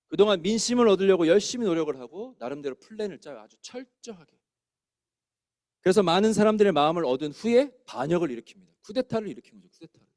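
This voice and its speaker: Male pastor, middle-aged, lively sermon delivery with acted-out quotes, close dry sound. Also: on the high side, no echo. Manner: animated preaching, acting out quoted voices. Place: church sanctuary.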